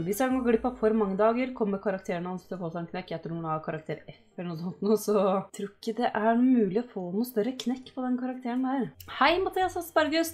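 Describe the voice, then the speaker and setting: A woman giving casual let's-play commentary, excitable and yelping at her game characters. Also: on the high side. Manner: excitable, yelps and shouts at the characters. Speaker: gaming host.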